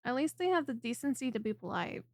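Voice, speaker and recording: Playing a friendly, clingy lamia chiropractor for ASMR, a woman addresses the listener directly in a soft, coaxing, teasing tone. Her voice sits on the high side and is sing-song and quick, captured as a dry recording with clean studio sound. She sounds wry and candid.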